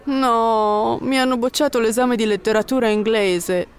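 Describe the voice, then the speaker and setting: A woman's voice: fairly high pitch, steady tone, measured pace. A woman voicing a let-down young student. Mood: disappointed. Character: young female university student, let down after failing an exam. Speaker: dialogue voice in a language lesson. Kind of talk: scripted dialogue.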